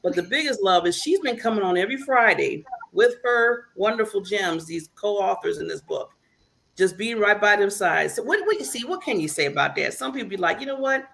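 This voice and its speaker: A woman's voice: mid-range voice, expressive, brisk, gravelly, a bit bright. A woman hosting a casual online talk show over a video call, chatty and laughing often.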